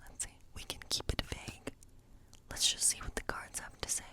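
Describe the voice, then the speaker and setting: Her voice a breathy, slow whisper, a woman reads tarot as a warm-hearted woodland witch in ASMR role-play, pondering each card and soothing the listener.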